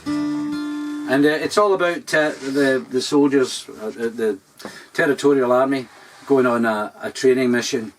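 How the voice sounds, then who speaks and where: A Scottish man talks between songs in a relaxed, rambling way, stumbling and restarting as he goes. His voice sits at a middling pitch and sounds set back from the microphone, with acoustic guitar behind him. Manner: rambling, halting, with many fillers and restarts. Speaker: singer-songwriter performing a live-streamed show. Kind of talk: casual on-stage chat between songs. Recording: distant mic in a live room.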